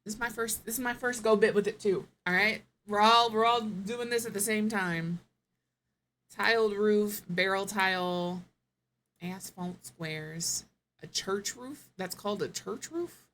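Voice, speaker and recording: A woman's voice: mid-range voice, a little slow, fairly bright tone. A woman streamer giving casual live gameplay commentary, thinking aloud, musing and correcting herself as she goes.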